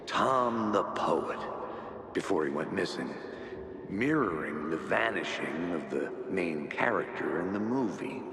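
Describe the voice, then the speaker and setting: An actor playing a brooding adult male writer, narrating a dark mystery in a measured, somber way. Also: deep voice, animated, roomy sound, in a large hall, crowd noise. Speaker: game narrator. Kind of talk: scripted noir narration.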